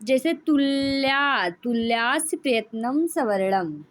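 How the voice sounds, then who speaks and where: Slow, high-voiced woman teaching grammar. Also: expressive. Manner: reads rules then explains, drawing out sounds. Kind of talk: explaining grammar rules.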